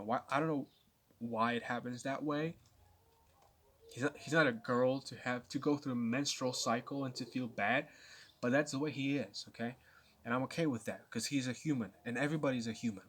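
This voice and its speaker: Young man, nineteen, casual vlogger; rambling, halting, mid-pitched voice. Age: late teens. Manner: rambling, with many restarts and stammers. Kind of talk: casual talk to camera.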